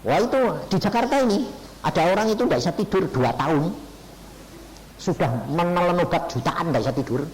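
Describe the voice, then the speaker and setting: A middle-aged male evangelist with a Javanese accent preaches a lively sermon. His fairly high voice swings widely in pitch as he tells stories and acts out both sides of a conversation. He keeps turning to his listeners to address them directly. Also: brisk, a little hiss or hum, low-quality recording. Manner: animated storytelling, acts out dialogues, addresses audience as "saudara".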